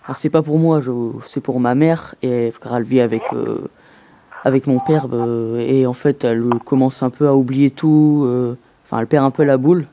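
A man making a casual inquiry over the phone, halting and earnest in his delivery. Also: mid-range voice, steady tone, dark tone. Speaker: prank caller. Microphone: telephone call. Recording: noisy telephone prank recording.

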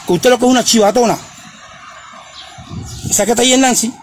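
A man's voice: extremely high pitch, fast, a little hiss or hum. A man, ranting and hurling repeated insults during a phone livestream. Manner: insulting, repetitive, mocking. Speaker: social media livestreamer.

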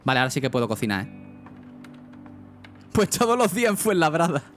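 A man's voice: fairly high pitch, very animated, brisk, fairly bright tone, soft background music. A young man gives casual, swearing livestream commentary while playing, often asking his viewers what to do. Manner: casual, chatty, asks chat often, swears. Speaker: streamer.

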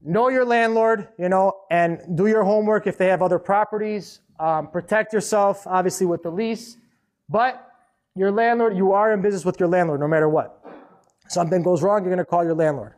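A man's voice: sits high, a little fast, a little mellow. A middle-aged man, a restaurant owner, giving a conversational seminar talk, direct and emphatic, often repeating words for stress. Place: conference hall.

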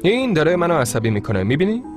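Sarcastic young man, lively voice, loud music behind. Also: a little high. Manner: sarcastic, needling. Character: taunting young man, provoking a rival. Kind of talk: Persian dub of a TV series.

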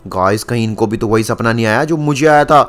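A man's voice: medium pitch, fast talker. A man narrating a game video as a channel host, chatting to his viewers. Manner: chatty, addresses viewers as guys.

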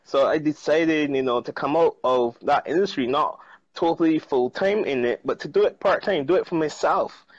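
A man's voice: on the high side, normal speed, no room sound. Laughing Barbadian man on a video call. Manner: laughs often, repeats words for emphasis. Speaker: guest, trader and chef. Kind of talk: casual video-call interview. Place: outdoors on a sunny patio. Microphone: earphone mic on a video call. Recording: slightly muffled, dry video-call audio.

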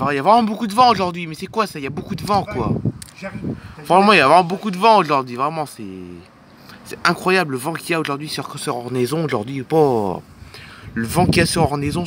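A man's voice: a little high, background noise, lightly acted. A man voicing a grumpy stranded boat driver in a toy film, muttering and blaming himself. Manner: annoyed, muttering, self-blaming.

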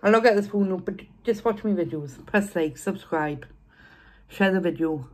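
A woman's voice: mid-range voice, normal speed. A young woman, chatting casually while eating on camera and repeating herself as she rambles. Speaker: food vlogger. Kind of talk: casual mukbang chat.

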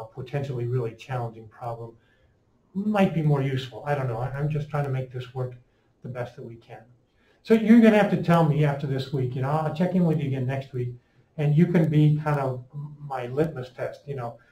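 A man gives an informal classroom lecture through a face mask. His voice is dark and relaxed, a little muffled by the cloth. It carries noticeable room echo, picked up by a microphone a few steps away. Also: mid-range voice. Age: middle-aged. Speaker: high school calculus teacher. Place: indoor classroom in front of a chalkboard. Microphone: fixed microphone a few steps away.

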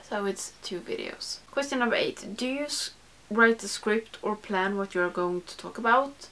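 A young beauty YouTuber whose first language isn't English chats casually to camera while answering a tag, in a small indoor room with makeup shelves. Her medium-pitched, slightly bright voice moves at a moderate pace as she rambles, corrects herself and says "like" a lot.

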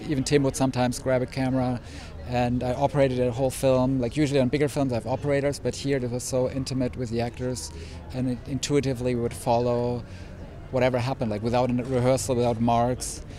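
Male cinematographer, dark mellow mid-pitched voice, flat delivery, casual and explanatory. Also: fast. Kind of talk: casual red carpet interview.

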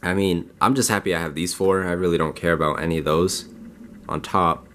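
Raspy just-woke-up young dude, deep voice, rambly casual chat. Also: male voice, fairly even intonation, fairly quick, fairly bright tone, a little hiss or hum. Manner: rambling, loose, lots of "like". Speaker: vlogger.

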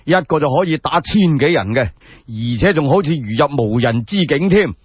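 A male Cantonese storyteller narrates at normal speed in a high, very lively voice with a husky edge, staying colloquial and expressive and breaking off for chatty asides. The radio recording sounds dry and a little dull.

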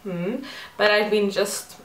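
In her bedroom at home, a Portuguese-accented beauty vlogger in her twenties does her makeup and chats aimlessly, making fun of herself in a casual get-ready-with-me vlog. Her medium-pitched voice is slightly bright, with flat delivery and a slow pace. It's captured from a distance and sounds reverberant.

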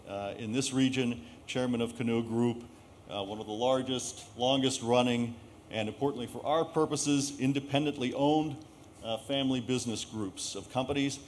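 A middle-aged man hosts a live panel, pausing often with filler sounds as he talks to the room. His voice sits at an ordinary pitch. A faint hum of ambient noise runs under the recording. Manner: halting, many filler sounds, polls the audience. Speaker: panel moderator. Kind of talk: hosting a live panel discussion.

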